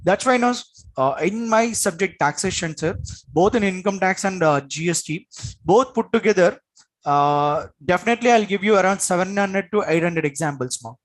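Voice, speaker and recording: A man's voice: high voice, lively intonation, moderate pace, rough recording. A man with an Indian accent giving a classroom lecture as an exam coach, in an emphatic, repetitive manner with frequent check-in questions.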